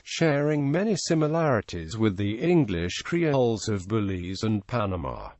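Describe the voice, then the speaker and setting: A man reads scripted encyclopedic narration aloud in a measured, impersonal way. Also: lowish voice, a little mellow, dry recording.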